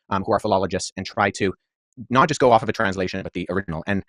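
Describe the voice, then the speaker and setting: Fast, articulate low-voiced man. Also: a bit bright, no room sound, studio quality. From Pakistan-born, raised abroad. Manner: articulate, measured, many asides. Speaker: debate guest, historian. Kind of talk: podcast debate.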